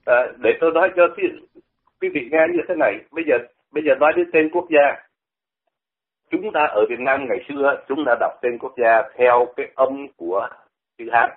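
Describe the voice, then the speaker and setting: An older Vietnamese man on the radio explains pronunciation conversationally, often repeating words to demonstrate them. His voice is medium-pitched and moderately paced, heard over a phone-like radio line.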